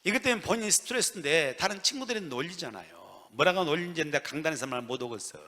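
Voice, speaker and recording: A male pastor preaching a sermon in a church, swinging from soft near-whispers to loud emphatic peaks. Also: on the high side, big pitch swings, fast. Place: church sanctuary. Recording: long church reverb.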